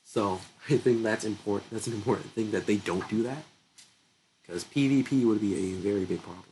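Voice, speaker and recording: A young gaming channel host speaks briskly in a lowish, warm voice as he casually comments on his gameplay, laughing a lot and thinking aloud. His nose is stuffy and he seems to be getting sick. The low-quality recording has a little hiss or hum.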